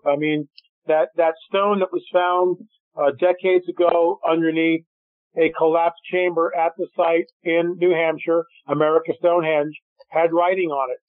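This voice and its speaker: A man telling stories in a radio interview, animated, acting out what people said. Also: fairly high pitch, no room sound. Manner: animated storyteller, acts out quotes. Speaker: guest filmmaker. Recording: dry tinny phone line.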